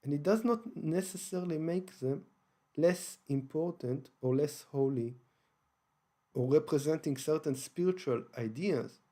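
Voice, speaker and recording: Hosting his own channel, a man with an Israeli accent carefully lays out his views on religion in unscripted talk, often hesitating and restarting. His mid-range voice has a mellow quality.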